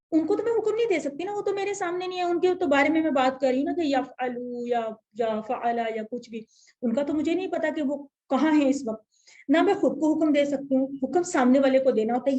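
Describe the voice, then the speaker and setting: A woman's voice: high voice, dark tone, muffled recording. A woman teaching Arabic grammar for the Quran to a class, explaining step by step and putting questions to her students. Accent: Urdu-speaking, Pakistani.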